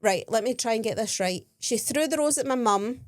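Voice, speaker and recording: A woman's voice: a little high, fairly quick, dry recording, clean studio sound. A woman co-hosting a podcast, telling holiday stories in casual chat, laughing as she goes. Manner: chatty, animated, laughs while telling stories. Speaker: podcast co-host.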